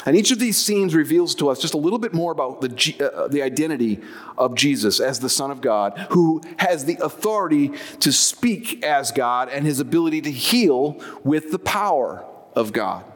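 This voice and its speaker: A man's voice: on the high side, animated, normal speed, in a large hall. A man preaching a sermon, explaining scripture conversationally with personal asides. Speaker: pastor.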